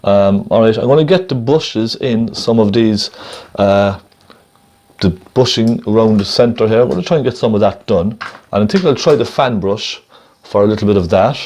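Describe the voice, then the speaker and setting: A lowish-voiced man leads a casual, step-by-step painting lesson. As a gentle, supportive instructor, he talks through his thoughts slowly while working.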